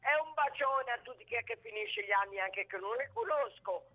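A woman's voice: on the high side, lively intonation, moderate pace. A woman from Ancona with a local accent, calling in to a radio show and talking in an agitated, rambling way. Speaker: caller. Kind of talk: phone call to radio show. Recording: phone line.

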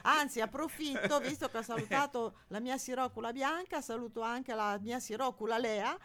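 A woman's voice: fairly high pitch, normal speed, a bit bright. Chatty Ancona woman, radio guest. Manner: chatty, laughing, explains hesitantly. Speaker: studio guest. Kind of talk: casual radio chat.

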